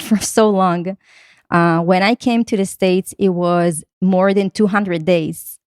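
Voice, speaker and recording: A woman's voice: on the low side, no echo, clean studio sound. A woman from Israel, a podcast guest speaking earnestly and reflectively in long, flowing thoughts. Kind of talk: conversational podcast interview.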